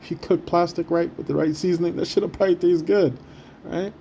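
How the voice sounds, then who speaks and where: A man with a deep, warm, very dark voice delivers a casual sermon quietly from a hotel room. He rambles, swears freely and stumbles over restarts as he goes. A faint background hum stays under him. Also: steady tone, lo-fi sound. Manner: rambling, profane, stammering restarts; deliberately speaking quietly. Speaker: street preacher. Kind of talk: casual preaching monologue.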